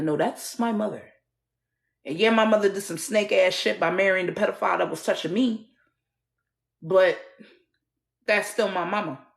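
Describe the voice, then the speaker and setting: A woman's voice on the low side, with vocal fry and reverberation. She is from Trinidad and Tobago yet sounds American, and her personal testimony to camera is blunt, candid and raw, peppered with swearing and wry laughs.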